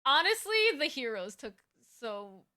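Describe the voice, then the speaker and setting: A VTuber streamer hosts a casual livestream chat, friendly and upbeat, though her voice is slightly tired and a bit raspy from it. She speaks high and very animated at a measured pace, her tone pushed and bright.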